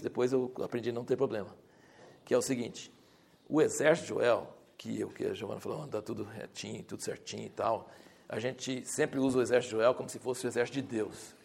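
A man's voice: medium pitch, a little fast, gravelly. A man teaching a Bible class in a conversational, explanatory way, often restarting his sentences and rising to emphatic stretches.

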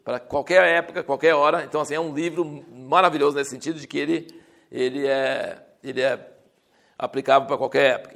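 A man's voice: a little high, vocal fry, fairly bright tone. A man teaching a Bible class in a conversational, explanatory way, often restarting his sentences and rising to emphatic stretches.

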